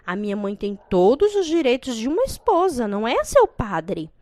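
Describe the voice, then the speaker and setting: A woman's voice: fairly high pitch, wildly swooping pitch, moderate pace, warm tone, no room sound. Woman playing an insistent loyal daughter. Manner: earnest, insistent.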